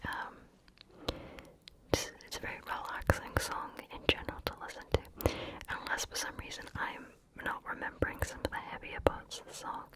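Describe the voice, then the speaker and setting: A woman whispers softly, right up at the listener's ear, in an ASMR style. Her delivery is a casual, chatty monologue, kept fully hushed and unvoiced. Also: normal speed, low-quality recording. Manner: soft, close-up whisper in the ear. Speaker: ASMR video host. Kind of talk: whispered ASMR chat about favorite music.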